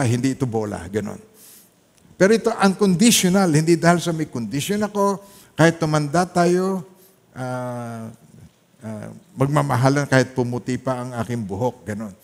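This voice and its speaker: A man with a Filipino accent preaching a sermon, dropping to soft asides and rising to loud, emphatic peaks as he mixes English into his talk. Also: mid-range voice, creaky. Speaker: pastor. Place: church hall. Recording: reverberant church hall.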